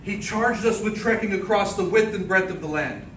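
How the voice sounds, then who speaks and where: A man with a high, slightly bright voice tells a theatrical story like an epic tale for a speech contest, his phrasing dramatic, declamatory and deliberate. He stands before an audience indoors, picked up by a distant mic in a roomy space with clearly noisy background.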